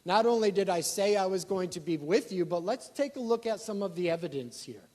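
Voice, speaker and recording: A pastor preaching a sermon, asking the congregation rhetorical questions and swinging from loud emphasis down to quiet asides. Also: male voice, high-pitched, expressive, brisk.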